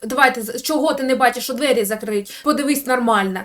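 A woman rattles off gossip commentary at a quick clip. Her voice sits high, and her tone is sarcastic and scolding, crude jabs. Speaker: commentator on bloggers.

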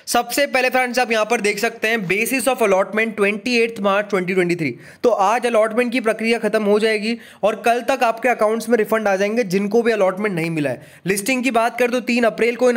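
A man hosting a finance channel, talking viewers through a screen-recorded tutorial and mixing English terms into his explanations. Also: high-pitched. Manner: fast, repetitive explainer, many English terms. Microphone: voice-over on screen recording.

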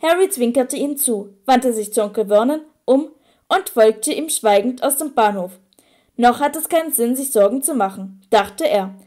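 A woman reading an audiobook aloud, narrating in a calm, even way. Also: a little high. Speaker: audiobook reader.

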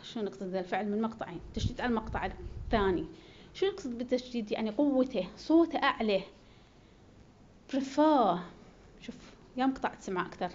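Woman teaching English grammar, slightly high voice, muffled recording. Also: a little mellow. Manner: reads English rules slowly, explains them fast in Arabic. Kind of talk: bilingual grammar lecture. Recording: dull lo-fi recording with faint noise.

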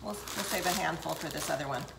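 A woman's voice: low-pitched, fast talker, creaky, reverberant, heavy background noise. An older woman hosting a home cooking demonstration, chatting straight to her viewers as she works in her kitchen. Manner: chatty, talks straight to viewers while working. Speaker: cooking show host.

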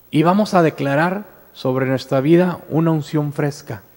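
His voice high and lifted yet a little mellow, a Mexican man preaches unhurriedly in Mexican Spanish from the pulpit of an indoor church sanctuary with a stage, speaking into a standing mic. The sermon is his earnest story, full of restarts on repeated words and rising emphatic declarations, carried by a long, ringing reverb.

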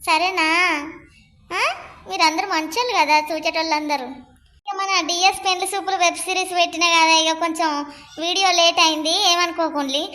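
A woman's voice: extremely high pitch, pushed and bright. A woman hosting a cartoon channel, chatting and cajoling viewers. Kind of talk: casual channel intro.

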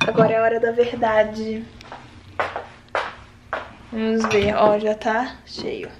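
A woman's voice: on the high side, completely flat delivery, slow, lo-fi sound, heavy background noise. A young woman from Brazil chatting casually to the camera in a home vlog, still out of breath after the gym. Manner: chatty, talks to camera and coos to her baby. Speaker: vlogger.

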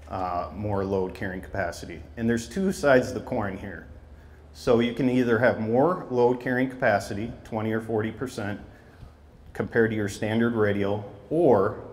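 Speaking into a handheld mic at an outdoor trade expo, a regional tire sales manager in his thirties gives a product talk. His voice is on the low side, and he explains steadily with frequent ums.

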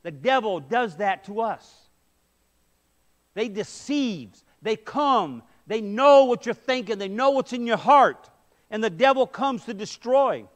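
A middle-aged pastor's sermon fills a mid-sized indoor sanctuary via his headset mic. Expressive and slow-paced, he uses an unusually high voice for a man and leans on emphatic rhetorical questions.

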